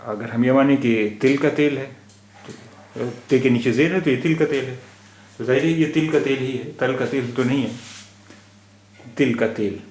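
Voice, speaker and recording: A man's voice: medium pitch, moderate pace, pauses often, a little mellow, roomy sound, a little hiss or hum. A man teaching a spelling lesson, patiently spelling out letters and repeating each word. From India. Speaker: language teacher.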